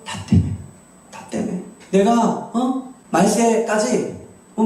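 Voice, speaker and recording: Emphatic male pastor in an echoey hall. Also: high-pitched. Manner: emphatic, swings between hushed asides and loud exclamations. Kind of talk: sermon. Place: church sanctuary. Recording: echoey church hall from a distant mic.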